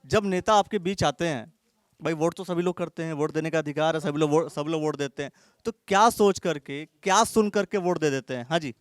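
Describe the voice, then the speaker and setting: High-voiced probing street reporter, man. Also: brisk, clear, resonant tone, no room sound, studio quality. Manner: probing, repeats questions. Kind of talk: street interview questions.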